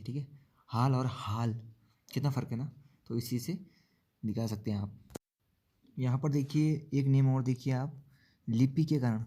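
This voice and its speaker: A man teaching an exam-prep spelling lesson, explaining slowly, repeating words and asking checking questions. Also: medium pitch, warm tone. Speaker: Hindi teacher.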